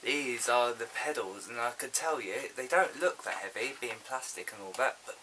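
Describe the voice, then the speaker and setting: A man chatting casually and haltingly as he presents an unboxing, recorded on a built-in camera microphone. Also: medium pitch, animated, rough recording. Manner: informal, halting, thinking aloud. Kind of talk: casual unscripted vlog chat. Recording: loud hiss, clicks, built-in camera mic.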